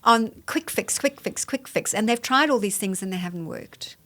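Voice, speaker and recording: A woman from Zimbabwe speaks as a guest on a podcast, telling her story about fitness and coaching. Her voice sits in a middle range. She talks in an animated way and lines up short, repeated phrases when she builds a point. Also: mid-range voice, normal speed. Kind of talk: conversational interview.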